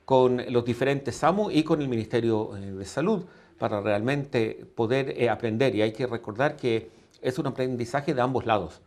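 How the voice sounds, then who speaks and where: A man from Chile, an emergency management expert, answering interview questions calmly with fillers. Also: medium pitch. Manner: calm, explanatory with fillers.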